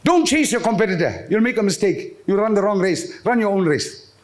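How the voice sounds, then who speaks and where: A high-voiced male stand-up comic with an Indian South African accent works the crowd. His pitch swings widely as he tells stories, acts out both sides of conversations and fires questions at the audience. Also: brisk. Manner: animated storyteller, acting out dialogue and questioning the audience. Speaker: stand-up comedian. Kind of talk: stand-up comedy with crowd work. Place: live on stage at a gala dinner.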